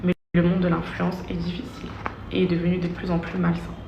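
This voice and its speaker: A young woman reads an earnest apology in a flat, gravelly voice. She is halting and sounds far from the microphone in a very echoey, noisy space. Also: on the low side, dull audio. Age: young adult. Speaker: social media influencer. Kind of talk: personal statement read aloud to followers.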